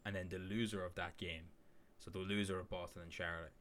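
Low-voiced man in rambling sports chat. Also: flat delivery, fairly quick, fairly bright tone. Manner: rambling, filler-heavy analysis. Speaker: podcast co-host. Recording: faint background hiss.

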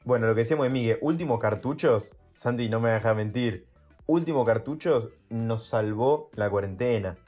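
A man's voice: mid-range voice, moderate pace, a little mellow, faint music behind. Easygoing podcast host, man. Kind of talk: casual interview chat.

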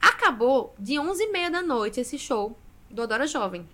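Expressive woman telling her story. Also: sits high, moderate pace. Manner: expressive storyteller, often adds "né". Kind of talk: casual podcast interview storytelling.

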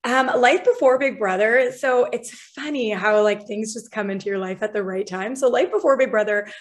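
A woman's voice: on the high side, normal speed. A woman, a chatty, bubbly guest who laughs often in a casual interview. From Canada (Ontario).

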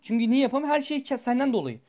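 A man's voice: extremely high pitch, very fast. Young guy venting about his week, rambly, cusses a lot, gets worked up. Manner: rambling and animated, swears freely. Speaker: student telling a personal story. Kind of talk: casual storytelling vlog.

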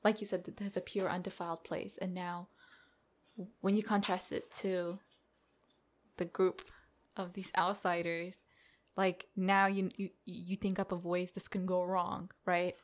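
A woman with a lowish voice that stays quite flat and even, speaking as a podcast co-host. She reflects aloud and builds her questions bit by bit. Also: unhurried. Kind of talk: casual book discussion.

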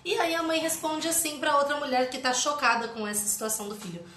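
Woman, parenting educator, chatty, frequent "né?", slightly high voice, echoey room. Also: fast, bright, forceful tone, a little hiss or hum. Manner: chatty, often ends phrases with "né?". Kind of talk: live teaching, reading a book aloud and commenting.

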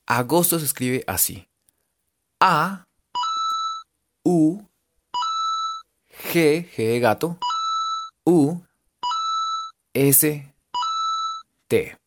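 A language teacher with a Colombian accent giving a playful lesson, spelling words letter by letter and stretching out words to sound them out. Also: medium pitch. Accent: Colombian Spanish. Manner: animated, drawn-out sounding-out of words.

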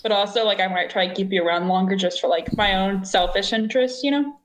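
A woman's voice: mid-range voice, quick pace. A woman co-hosting a casual movie watchalong, making wry, teasing remarks. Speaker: podcast co-host. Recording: faint background noise with clicks.

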